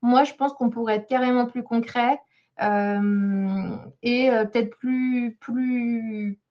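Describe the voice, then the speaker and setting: Woman job coach reviewing a CV in a webinar, talking hesitantly with many fillers, a fairly high voice, and a muffled lo-fi sound. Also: fairly even intonation, slow pace. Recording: slightly dull lo-fi sound.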